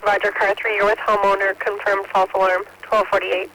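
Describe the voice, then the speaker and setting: A man's voice: sits high, completely flat delivery, normal speed, bright, forceful tone, poor audio. A man working as a fire dispatcher, formally reading messages back over two-way radio. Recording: hissy radio dispatch audio.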